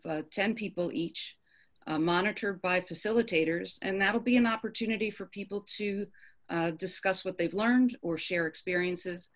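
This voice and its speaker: A woman presenting an upcoming event in a virtual office meeting, halting, with many ums and uhs, over a video call. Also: on the low side. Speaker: committee presenter.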